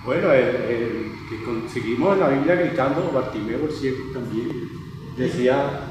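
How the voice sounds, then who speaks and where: A man's voice: mid-range voice, animated, normal speed, noisy background. A man co-hosts a Bible study, answering mostly with brief affirmations. His voice is mid-range for a man. He sounds far from the mic in a strongly echoing room with a long reverb tail.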